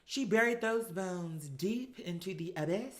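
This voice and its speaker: Her voice is on the low side and unhurried as this American woman recaps reality TV, offering blunt, sassy opinions full of slang and curse words. She's animated, acting out imagined exchanges as the show's host.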